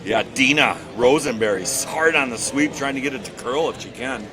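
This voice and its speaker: A man's voice: mid-range voice, normal speed, music in the background. A man giving casual, joking color commentary on curling from a shared desk mic. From Minnesota. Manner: chatty and joking, laughs often. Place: indoor curling center.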